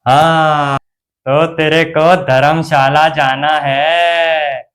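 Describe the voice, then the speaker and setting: Guy doing a strict dad voice, slow and preachy, blows up yelling at his son in a comedy sketch. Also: a little high, level tone, background noise. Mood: lecturing. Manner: slow, preachy, bursts into angry scolding. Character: stern scolding middle-aged father.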